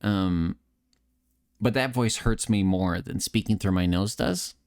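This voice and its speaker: Slow-paced and fairly low, his voice is a little mellow, clear and resonant. During a late-night stream he talks openly, restarts and repeats himself, swears a lot and makes jokes about himself.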